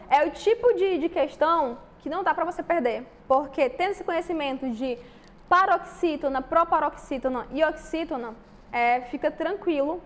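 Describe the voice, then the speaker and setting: In a high voice, a woman with a Brazilian Portuguese accent leads an exam-prep grammar lesson, explaining step by step and regularly checking in with her students.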